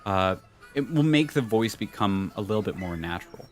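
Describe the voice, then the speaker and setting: A man streaming a video game, talking casually in a rambling way and filling his pauses with "uh", with his pitch jumping up when he gets excited. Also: faint music behind. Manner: rambling, many "uh" fillers. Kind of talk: casual let's-play commentary.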